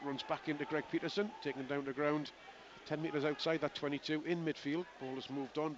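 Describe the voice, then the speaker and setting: A man giving live play-by-play radio commentary on a rugby match, with rapid running calls and chatty asides to his co-commentator. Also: fairly high pitch. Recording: lo-fi broadcast with outdoor crowd noise.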